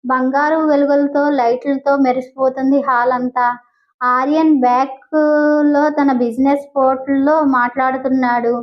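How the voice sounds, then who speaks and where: A woman narrates a scripted audio drama in a high voice, reading in a steady, descriptive way. The recording is dull and lo-fi. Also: moderate pace. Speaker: storyteller.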